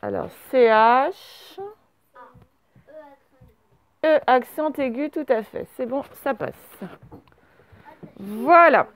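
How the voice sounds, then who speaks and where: A woman's voice: high voice, lively intonation, extremely slow, long pauses. A woman teaching a children's dictation, stretching each word and spelling it out syllable by syllable. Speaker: primary school teacher.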